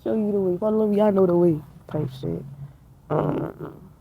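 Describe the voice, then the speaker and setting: A female vlogger in her twenties, outdoors in a tree, speaks in a laid-back, reflective way that is slangy and spiritual, laughing frequently. At medium pitch and a moderate pace, her voice has vocal fry and a narrow quality, with tinny audio and slight background noise.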